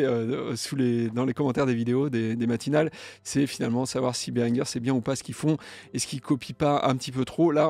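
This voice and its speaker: A man's voice: a little high, no room sound. A young man hosting a music gear news show, chatting casually and jokily reading out viewer comments. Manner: lively, jokey, playfully sings comments.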